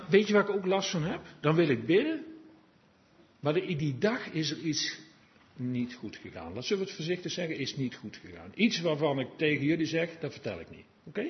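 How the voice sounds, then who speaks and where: A man preaching a sermon, chatty and confiding, sometimes dropping to a murmur and then rising to earnest exhortation. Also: on the high side. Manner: conversational and confiding, drops to a murmur then rises to emphatic exhortation. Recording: dull lo-fi recording.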